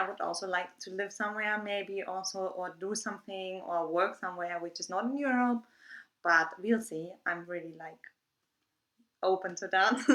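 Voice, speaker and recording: Young German woman vlogger, slightly low voice, rambling friendly chatter with fillers. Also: a bit bright. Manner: reads prepared answers from her phone. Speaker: YouTuber. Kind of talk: casual get-to-know-me vlog.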